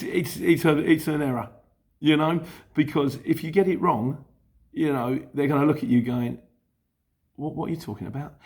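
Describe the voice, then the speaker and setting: A man's voice: on the high side, a little mellow. Middle-aged man with a London Cockney-tinged accent. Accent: London Cockney-influenced. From Luton, England. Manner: chatty, rambling, self-correcting. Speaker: YouTube host and courier driver. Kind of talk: casual explainer vlog.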